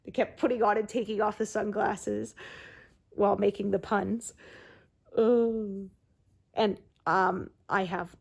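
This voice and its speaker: A woman's voice: medium pitch, fairly even intonation, unhurried, vocal fry, pauses often, a little mellow. A woman hosting a cross-stitch video, chatting casually as she works, rambling with fillers and laughing often. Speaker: crafting video host.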